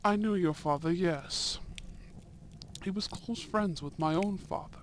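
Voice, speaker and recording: In a romantic audio roleplay, a man voices a young, shrewd, courteous viscount of the Edwardian era, speaking with formal, deliberate phrasing and soft murmurs. The high-pitched delivery feels measured and amused, over a little hiss or hum.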